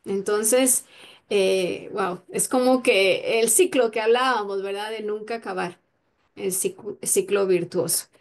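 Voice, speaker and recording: A woman's voice: medium pitch, takes it slowly. A woman giving an informal Bible teaching in a conversational way, often checking in with her listeners. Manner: conversational, many fillers and "verdad?" tags.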